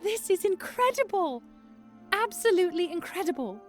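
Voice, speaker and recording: Curious young Princess Zelda. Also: female voice, very high-pitched, sing-song, normal speed. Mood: awed. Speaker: voice actor. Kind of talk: audio drama acting. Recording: soft music behind.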